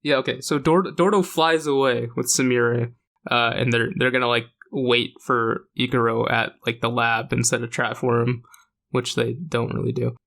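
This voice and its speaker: A man's voice: medium pitch, flat delivery, moderate pace, creaky, fairly bright tone. A man co-hosting a podcast, casually recapping a story with many fillers and restarts. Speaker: podcast host. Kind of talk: casual chat.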